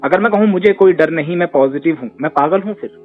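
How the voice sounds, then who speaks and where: Man, fairly high voice, emphatic advice, rhetorical questions, tinny phone-line sound, faint music. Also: fast. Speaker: psychotherapist answering questions. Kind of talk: conversational Q&A advice.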